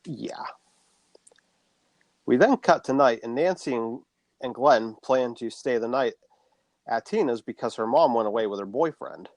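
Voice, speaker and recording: A man's voice: medium pitch, unhurried, long pauses, a little mellow, dry recording. A man co-hosting a podcast, casually recapping a horror film plot and swearing freely.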